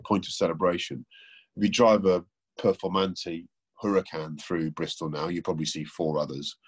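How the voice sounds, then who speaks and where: Husky deep-voiced man. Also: steady tone, moderate pace. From England. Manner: thoughtful, opinionated, many restarts. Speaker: guest, car presenter. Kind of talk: casual interview.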